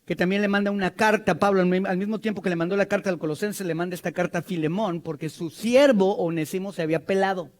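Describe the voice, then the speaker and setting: High-voiced Mexican preacher, playful asides. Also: male voice, fast, hardly any pauses. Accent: Mexican Spanish. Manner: lively, joking asides with acted quotes. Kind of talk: sermon.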